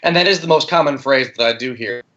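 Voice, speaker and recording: Man, podcast co-host, teacher, rambling casual talk, mid pitch, muffled lo-fi audio. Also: fast talker, fairly bright tone. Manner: rambling, restarts sentences. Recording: dull lo-fi recording.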